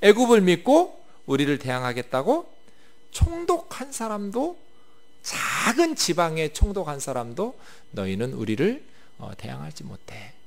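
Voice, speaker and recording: A man's voice: on the high side, wildly swooping pitch, measured pace, vocal fry, voice pushed up, exaggerated voice. A man voicing an arrogant enemy army commander who taunts with mocking rhetorical questions.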